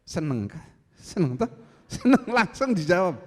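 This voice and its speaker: A man preaching a sermon as pastor, animated and teasing, acting out angry voices. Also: sits high, measured pace, in a large hall. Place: church.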